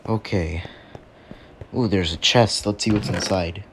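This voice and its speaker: A man doing excitable gaming commentary, talking to his viewers and often repeating "oh my goodness". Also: measured pace, noisy background. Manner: excitable, addresses viewers as players, frequent squealing jumps in pitch. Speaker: gaming YouTuber. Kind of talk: Minecraft let's-play commentary.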